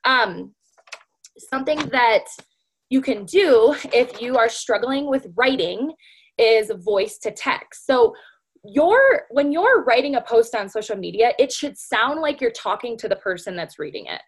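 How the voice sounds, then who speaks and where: A woman's voice: a little high, animated, a little slow, husky. A woman giving a casual motivational talk to her sales team, chatty and full of "like" and "you know", often calling her listeners "you guys". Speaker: speaker training a sales team.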